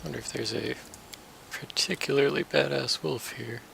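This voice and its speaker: A man's voice: mid-range voice, steady tone, normal speed, vocal fry, background noise. A man giving casual commentary while playing a video game, with dry, wry asides. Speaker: let's play host. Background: game music and sounds.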